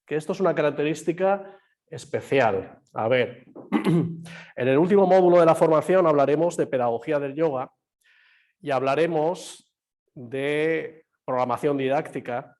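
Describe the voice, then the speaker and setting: Slightly hoarse yoga teacher. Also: male voice, fairly high pitch, normal speed, a little mellow. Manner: explains patiently, quizzes students, many fillers. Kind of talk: online class lecture. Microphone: computer mic on a video call.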